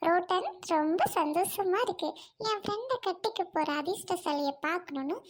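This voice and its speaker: A woman with a Trichy Tamil accent playing a gentle, loyal young friend in a comedy skit, soothing and reassuring. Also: extremely high pitch, moderate pace, slight background noise.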